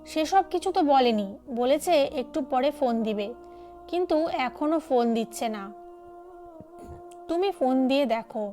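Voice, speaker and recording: Woman reading an anxious, loyal young woman in an audio drama; high and pleading. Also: lively intonation, measured pace, pauses often, warm tone, soft background music.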